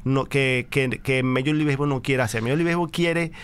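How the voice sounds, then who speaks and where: Smooth-voiced man, measured and hesitant. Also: medium pitch. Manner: measured, hesitant with many fillers. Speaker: interview guest, baseball league executive. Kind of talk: casual interview answers.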